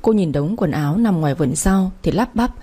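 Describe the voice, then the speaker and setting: A woman narrating a story aloud in a steady storytelling manner. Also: on the low side, fairly quick, husky.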